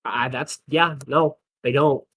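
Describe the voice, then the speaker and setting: A man's voice: medium pitch, steady tone, slow, a bit bright, breathy edge. A young man co-hosting a casual podcast, telling stories with quoted voices and frequent laughs. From American Midwest. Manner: storytelling, acts out quotes, laughs often. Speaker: podcast co-host. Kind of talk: casual chat.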